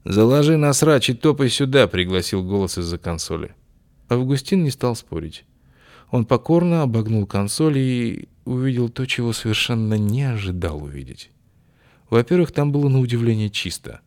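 A man narrating an audiobook in a lively, ironic storytelling manner. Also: medium pitch, moderate pace. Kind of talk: scripted narration.

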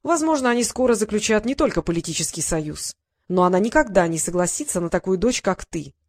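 Calm mocking schemer boy in a storybook, insinuating, as a woman puts him on. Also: mid-range voice, no room sound, studio quality. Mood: sly. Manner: smooth, insinuating, unhurried.

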